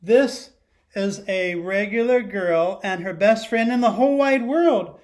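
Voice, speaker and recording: Unhurried and high-voiced, a middle-aged man reads aloud and gives a lesson for children from his home living room. He talks in simple phrases and regularly addresses questions to the young audience.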